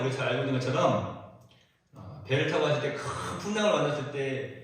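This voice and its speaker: A male pastor delivering a sermon in a church, animated, acting out the voices he quotes. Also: fairly high pitch. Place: church sanctuary. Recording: echoey church from a distant mic.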